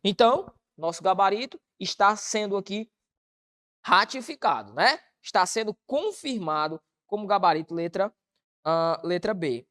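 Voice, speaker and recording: A woman's voice: mid-range voice, expressive, normal speed, a bit bright. A woman with a Brazilian Portuguese accent teaching an exam-prep grammar lesson, asking herself questions and answering them in a colloquial way. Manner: asks and answers own rhetorical questions, colloquial.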